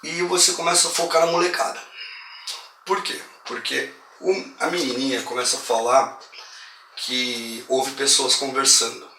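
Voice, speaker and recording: A man with a Brazilian accent recaps a horror movie in a loose, slangy way, his voice bright and forceful. He sounds a little away from the mic in an echoey room with a faint hiss behind him. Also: medium pitch, moderate pace, far from the mic. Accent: Brazilian Portuguese. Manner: slangy, animated retelling that acts out quoted lines. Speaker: horror film reviewer. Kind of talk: casual film recap. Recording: roomy echo, voice a bit off-mic, faint hiss.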